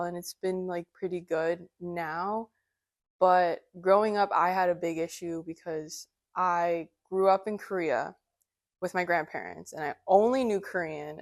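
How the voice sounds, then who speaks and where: A woman's voice: fairly low pitch, no room sound, studio quality. A young woman interviewed for a documentary, speaking hesitantly with many fillers. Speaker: student interviewee.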